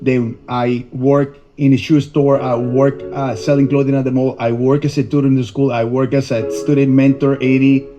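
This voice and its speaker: A man's voice: medium pitch, level tone, normal speed, hardly any pauses, lo-fi sound, over music. A middle-aged man from Colombia, a dentist and business owner, answering interview questions earnestly in short listed phrases.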